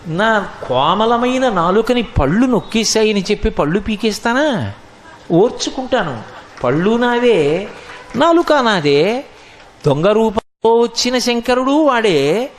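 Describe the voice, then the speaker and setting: A man voicing a calm, forgiving elderly sage who gently reasons aloud, within a sermon. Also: sits high, slight background noise. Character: serene, forgiving old male sage.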